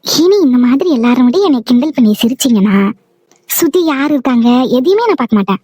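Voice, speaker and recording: Feisty young village wife, sharp tongue, very high pitch, dry booth sound; woman voices her. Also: lively intonation, fast talker, breathy edge, no echo. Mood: teasing threat. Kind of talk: cartoon voice acting.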